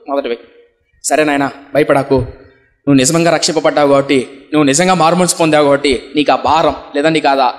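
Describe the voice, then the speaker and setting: A young man preaching a sermon, impassioned, acting out the voices of people in his story and swinging from soft speech to shouting. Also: fairly high pitch. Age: young adult.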